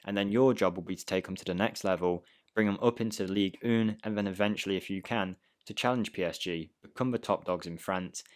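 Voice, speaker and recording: A man's voice: sits low, fairly even intonation, quick pace, hardly any pauses. A young man hosting a gaming channel, giving chatty, upbeat voice-over commentary and talking straight to his viewers. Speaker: video game channel host. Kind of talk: voice-over commentary on game save ideas.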